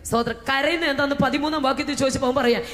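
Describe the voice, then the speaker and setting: Fervent woman preaching from kerala, high bright voice, echoey hall w faint music. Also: steady tone, very fast. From Kerala, India. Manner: fervent, swings between shouting and hushed talk, speaks in tongues. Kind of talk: Pentecostal sermon.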